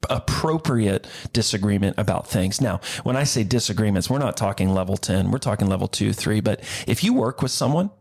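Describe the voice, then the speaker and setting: A man's voice: lowish voice, expressive, brisk, gravelly, few pauses, a little mellow, slightly rough. A young adult man, a worship pastor, talking in a casual interview in an earnest, upbeat way, often restarting his sentences. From Cincinnati area, Ohio. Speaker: worship pastor, podcast guest.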